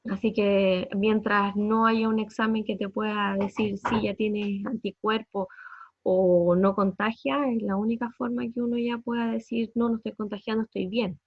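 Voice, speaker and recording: A Chilean woman in her thirties recounts her family's ordeal in a husky, slightly breathy voice, repeating words and hesitating often. The sound is dry and close, with a dull, muffled top end. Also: medium pitch, flat delivery, dry recording. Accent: Chilean Spanish. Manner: halting, many fillers and repetitions, voice breaking with distress. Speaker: parent giving a family testimony. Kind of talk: emotional personal testimony.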